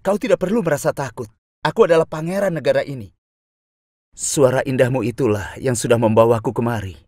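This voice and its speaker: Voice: medium pitch, fairly quick, darkish tone, no room sound, studio quality, natural voice. Earnest young cartoon prince, voiced by an actor. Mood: gentle.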